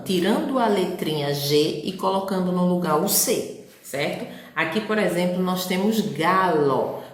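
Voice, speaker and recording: A woman's voice: lowish voice, echoey room. A woman teacher with a Brazilian Portuguese accent, giving a recorded lesson to young children and sounding out letters and syllables patiently.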